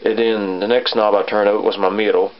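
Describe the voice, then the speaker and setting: A man with an Appalachian hillbilly accent giving a casual, rambling gear demo in a halting, self-deprecating way. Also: little pitch movement. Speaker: amateur gear reviewer. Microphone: camera on a tripod. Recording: dull lo-fi camera audio. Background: bass guitar and amp sounds.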